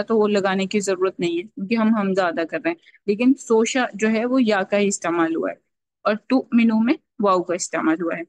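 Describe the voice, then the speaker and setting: A woman teaching a Quran recitation class, explaining patiently step by step and slowly drawing out sounds to demonstrate them. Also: mid-range voice, dry recording. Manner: checks in often with a repeated "okay". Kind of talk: online tajweed lesson.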